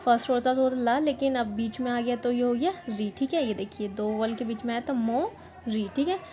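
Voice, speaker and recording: A woman's voice: fairly high pitch, moderate pace, warm tone. A woman teaching pronunciation rules in a patient lesson, often checking in with "okay". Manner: patient, repeats "ठीक है" often. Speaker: language teacher.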